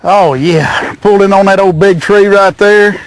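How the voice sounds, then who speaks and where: A man's voice: high-pitched, unhurried, noisy background. A middle-aged man hosting a fishing show from a small boat on a lake, hollering and cooing at the fish as he reels them in. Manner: excitable, hollers and coos at the fish. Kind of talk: excited outdoor fishing commentary.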